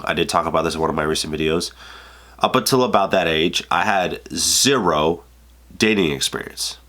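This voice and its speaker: In his twenties and stuffed up with a cold, this male vlogger talks to the camera with casual dating advice. His voice is low with a fairly bright tone, and his delivery is loose, profane and packed with fillers.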